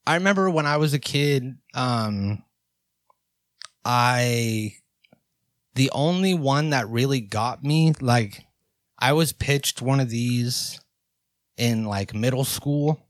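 A man's voice: mid-range voice, animated, slow, long pauses, no room sound, clean studio sound. A man in his thirties chatting casually as a comedy podcast co-host, telling joking, sweary anecdotes.

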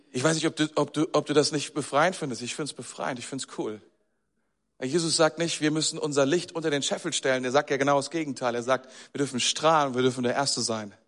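German man preaching in a reverberant hall. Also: on the high side. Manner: conversational, asks the audience questions, animated emphasis. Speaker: pastor. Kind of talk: sermon.

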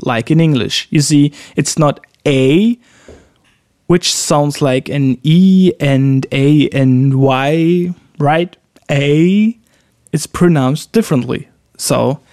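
A man teaching a pronunciation lesson, demonstrating vowel sounds slowly and carefully in a friendly way. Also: fairly high pitch, a little mellow, no echo, studio quality. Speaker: language teacher.

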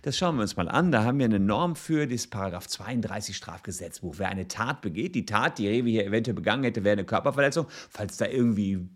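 A man commenting on a video and explaining criminal law in a relaxed, thinking-aloud way with frequent fillers. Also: on the low side, fast, few pauses. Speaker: legal commentator.

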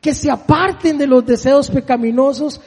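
A man's voice: extremely high pitch, normal speed, a little mellow. A man in his forties preaching a sermon, emphatic, putting rhetorical questions to his listeners. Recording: long reverb of a large hall.

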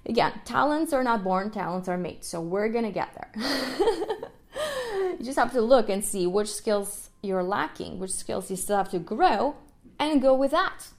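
This music teacher from Ukraine, a native Russian speaker in early adulthood, runs her podcast alone. Her voice is a little high and her pace measured, yet her delivery stays lively, full of laughter and frequent "right?" check-ins.

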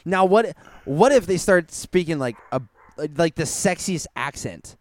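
A man's voice: on the high side, expressive, unhurried. A man co-hosting a podcast, teasing his friend in crude casual chat, swearing and laughing often. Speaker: podcast co-host.

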